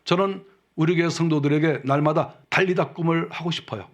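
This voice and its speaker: Korean pastor, conversational sermon. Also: male voice, a little fast. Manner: conversational preaching with rhetorical questions; acts out quotes softly and lower.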